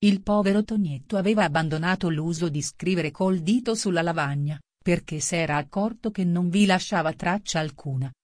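Low-voiced woman narrating a storybook. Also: normal speed, few pauses, no room sound, clean studio sound. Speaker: audiobook narrator.

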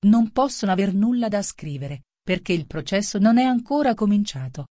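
A woman voicing Alice, a curious, proud young girl, in a storybook reading, speaking softly as if thinking aloud. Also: medium pitch, lively intonation, moderate pace, dry recording, studio quality, lightly acted. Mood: musing.

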